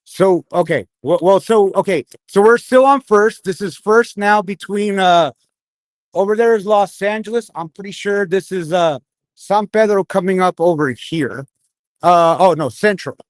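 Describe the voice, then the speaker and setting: This livestream host works as an independent journalist, rambling casually as he comments on a city street at night and interviews passersby. He speaks unhurriedly in a high voice, recorded dry, with words slurred by missing front teeth.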